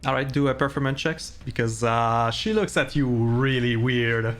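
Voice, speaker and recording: A man improvises as the game master of a tabletop roleplaying game, speaking haltingly and repeating words as he goes. His voice sits in the mid range with a fairly bright tone.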